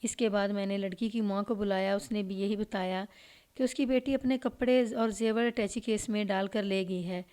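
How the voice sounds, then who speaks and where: Steady woman storyteller reading a crime story aloud in a measured, even cadence. She keeps a mid-pitched voice and an unhurried pace throughout. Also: clear, resonant tone. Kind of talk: scripted story narration.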